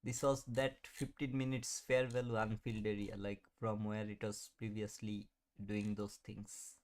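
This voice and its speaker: A man's voice: on the low side, level tone, normal speed, a little mellow. A man in his thirties hosting a live trading stream, chatting casually, answering viewers and laughing often. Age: 30s. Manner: mutters at the chart while watching. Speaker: trading livestream host.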